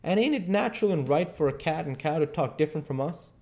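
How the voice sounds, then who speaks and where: In audiobook dialogue, a man plays an earnest storybook country boy with a Southern American accent, using a raised, lilting pitch. The boy is a persuasive know-it-all who asks lots of questions, delivered fast and expressively in a darkish tone.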